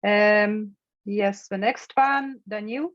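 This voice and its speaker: Over dull, lo-fi video call audio with no room sound, a Russian-native woman hosts an online workshop. Her medium-pitched voice moves slowly as she warmly encourages and prompts the participants.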